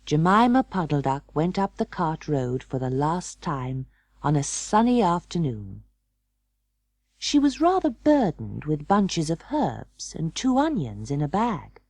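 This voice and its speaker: A woman reads a children's storybook aloud with dramatic expression. Her voice sits a little low but swings widely in pitch. She takes her time over each phrase, in a very dry recording. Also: very animated, measured pace, darkish tone, no room sound. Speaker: audiobook narrator.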